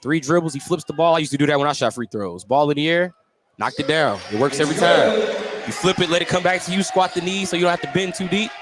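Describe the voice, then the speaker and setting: A fast-talking man with a voice on the high side does live radio commentary on a basketball game, using clipped, running phrases. The broadcast comes from an indoor gym and is very noisy.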